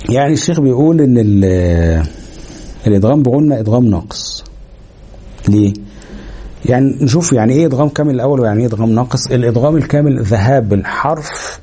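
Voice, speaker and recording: A husky Egyptian man talks quickly through a recitation lesson. His voice is very dark and mellow. Every so often he slows right down to stretch a nasal hum and show how it should sound. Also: mid-range voice, animated. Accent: Egyptian Arabic. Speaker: Quran recitation teacher. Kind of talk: explanatory lesson.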